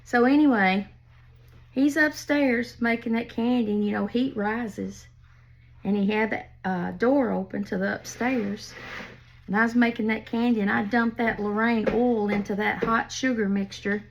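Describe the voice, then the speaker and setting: Her voice sits on the high side, creaky and fairly even in intonation, at a measured pace, recorded lo-fi with slight background noise. This older craft vlogger chats folksily at home, sharing family stories, showing a craft project, and chuckling at her own anecdotes.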